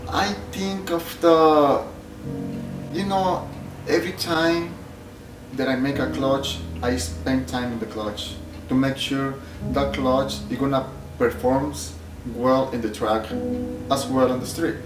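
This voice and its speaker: Speaking slowly in a medium-pitched, fairly even voice, a middle-aged man from El Salvador who owns a clutch workshop answers interview questions plainly, hesitating and using many fillers. The sound is roomy from a far-off mic, with music in the background.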